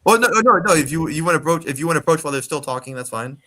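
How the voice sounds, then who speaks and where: A man's voice: on the high side, expressive, rapid-fire, pushed and bright. A man narrating as game master for a tabletop role-playing game, rambling with fillers.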